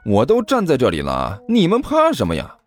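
A man voicing a brash, impatient male student who swears and shouts in exasperation. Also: high-pitched, wildly swooping pitch, normal speed, faint music behind, pitched above the performer's own voice. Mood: exasperated.

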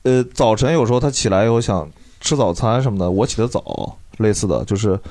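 A man's voice: on the low side, darkish tone, no room sound. A man in his thirties on a comedy podcast, telling self-mocking stories about arguing with his girlfriend. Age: 30s. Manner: quick, self-mocking storytelling. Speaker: podcast co-host. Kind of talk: casual comedy podcast chat.

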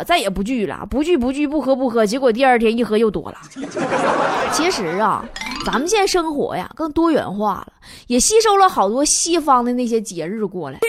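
A woman from Northeast China, with a Northeastern Mandarin accent and a somewhat high voice, hosts a comedy show over background noise. She gives a playful comic monologue, storytelling with frequent laughter.

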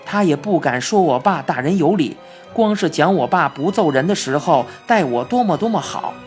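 A woman with a Beijing accent narrating a children's story in an expressive, lively way. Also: low-pitched, moderate pace. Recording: faint background music.

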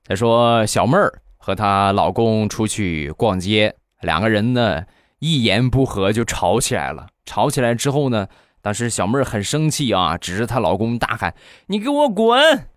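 A man's voice: on the low side, moderate pace, no echo, studio quality. A man hosting a comedy show, telling comic anecdotes in a chatty storytelling manner.

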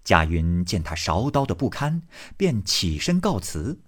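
A man narrating a classic novel as an audiobook in an expressive storytelling manner, with a husky voice. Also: low voice, a little slow.

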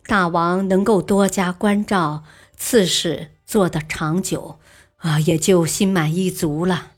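Crafty fawning court guy, woman doing the voice, pleading sighs, slow and a bit husky. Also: lowish voice, steady tone, faint music behind, pitched below the performer's own voice. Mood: feigned resolve. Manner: wheedling, pleading with drawn-out sighs. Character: scheming male court favorite, fawning and crafty.

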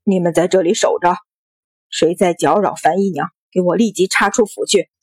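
A woman's voice: mid-range voice, fairly even intonation, normal speed, slightly rough, dry recording, natural voice. A woman doing a furious stern chancellor. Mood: angry. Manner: stern shouted commands. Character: angry middle-aged nobleman, a chancellor.

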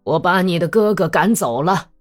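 A woman gives voice to a stern old man in his later years, firm and measured, his words lively in pitch. The storybook reading has faint music behind it. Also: natural voice.

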